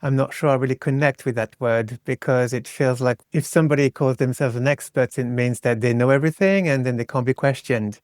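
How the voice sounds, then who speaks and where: A middle-aged Frenchman with a French accent, a psychosexual psychotherapist guesting on a podcast, reflects and explains his thinking in a conversational interview. His medium-pitched voice is steady, darkish, and fairly quick with few pauses, recorded at studio quality with no room sound.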